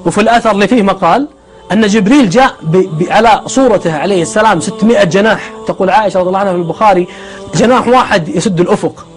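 A preacher delivers a sermon-style lecture in a high-pitched, rapid-fire voice over soft background music. He tells the stories with animation and poses rhetorical questions.

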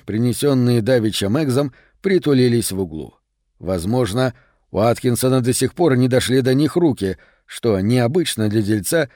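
A man reading a dark fantasy audiobook in a steady, measured narration. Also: mid-range voice, no echo, clean studio sound. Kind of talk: scripted narration.

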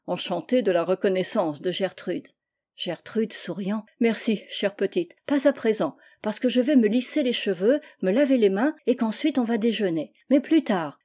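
A woman's voice: medium pitch, dark tone. A woman reads a children's novel aloud. She raises her voice for the children's lines and drops it for names and narration. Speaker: reader. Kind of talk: reading a children's novel aloud, voicing dialogue.

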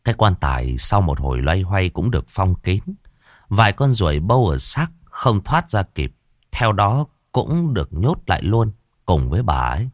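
A man narrating an audio story in an expressive storytelling manner. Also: deep voice, normal speed, no echo, studio quality.

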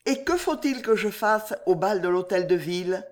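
Reader doing a trembling young woman, breathless, stammering, raised pitch. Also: expressive, moderate pace, close to an everyday voice. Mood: anxious. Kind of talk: audiobook reading.

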